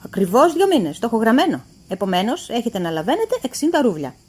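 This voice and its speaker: A woman voicing a stingy, mocking middle-aged male employer who talks in a loud, pointed, lecturing way. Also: a little high, sing-song, breathy edge.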